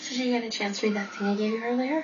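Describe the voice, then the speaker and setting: A woman's voice: on the high side, fairly even intonation, very fast, noisy background, close to an everyday voice. Hannah, a woman playing a rambling young writer. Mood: probing. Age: young adult. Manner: rambling, hedging with "like" and "kind of". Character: earnest self-absorbed young woman writer. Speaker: aspiring writer girlfriend. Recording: distant, dull TV soundtrack.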